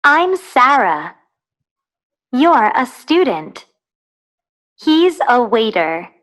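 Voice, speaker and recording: Woman reader, course audio; crisp deliberate enunciation, very slow pace. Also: a little high, big pitch swings, a bit bright. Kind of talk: scripted textbook dialogue.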